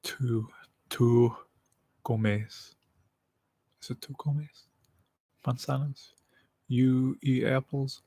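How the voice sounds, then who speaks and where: Pausing often and speaking extremely slowly, a livestream host in his late twenties chats casually, eating and rambling with self-deprecating jokes through a slight lisp. His mellow mid-range voice keeps fairly even intonation, and the recording is dry.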